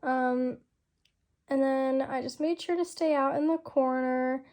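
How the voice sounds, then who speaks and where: This young woman's voice is high-pitched and a little mellow, steady in tone and unhurried. Narrating her horse show rounds in a home-recorded voiceover, she chats casually, leaning heavily on fillers and saying "like" all the time.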